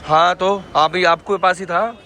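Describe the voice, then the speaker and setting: A man films a casual vlog outdoors on a handheld camera, with a slightly high voice. He teases and jokes with the person beside him in easy banter. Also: fairly even intonation, unhurried, pushed and bright, slight background noise. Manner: teasing, joking banter. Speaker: vlogger.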